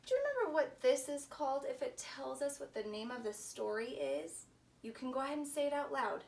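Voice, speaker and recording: A woman teacher runs story time for young children, prompting them and repeating words for them to echo back. Her voice sits high, swings widely in pitch, and is brisk, gravelly, and darkish in tone. The audio comes from a distant mic with faint background noise.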